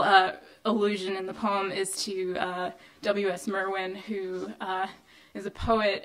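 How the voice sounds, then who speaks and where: A woman's voice: mid-range voice, fairly bright tone. Woman reading her poetry aloud. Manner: measured, deliberate reading between chatty, filler-heavy asides. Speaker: poet. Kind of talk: poetry reading to a live audience. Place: indoor venue of a reading series.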